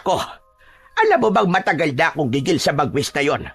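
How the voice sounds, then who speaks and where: A woman's voice: sits low, very animated, fast, husky, faint music behind, full character voice. A woman voicing a worried, vengeful older village woman in a narrated horror audio drama, speaking heatedly and with suspicion.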